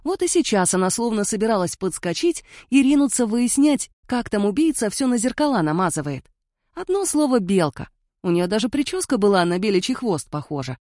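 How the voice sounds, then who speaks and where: Sex: woman. Role: audiobook narrator. Style: expressive scripted narration. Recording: dry, close. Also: fairly high pitch, fairly quick, no room sound. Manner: expressive reading.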